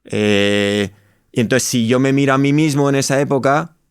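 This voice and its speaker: In a studio-quality recording with no echo, a man speaks at a moderate pace in a clear, resonant mid-range voice. The Madrid native, a startup co-founder with a Spanish accent, is an interview guest telling his own story reflectively and conversationally, repeatedly rephrasing himself.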